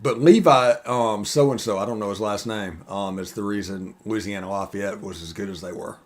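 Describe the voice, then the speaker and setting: A man's voice: lowish voice, moderate pace. A man co-hosting a casual sports podcast, talking hesitantly with many fillers. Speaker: podcast co-host.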